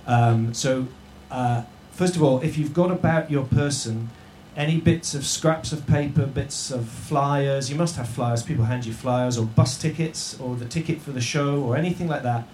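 Jokey halting man hosting live. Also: medium pitch, darkish tone. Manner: jokey, halting, with many restarts and fillers. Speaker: host of a live show. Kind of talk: live stage hosting to an audience. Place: yurt venue with a live audience. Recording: roomy tent echo, faint noise.

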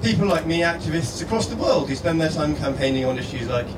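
At an indoor live event, an animated Scottish guest speaker reads a persuasive, prepared letter aloud on stage, talking fast at a fairly high pitch. The distant mic picks up the room's echo and constant background noise.

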